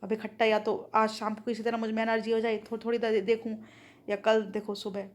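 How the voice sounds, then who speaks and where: A young woman with a sore throat, talking slowly and softly in a casual home vlog from a sunny rooftop. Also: a little high, little pitch movement. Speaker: vlogger.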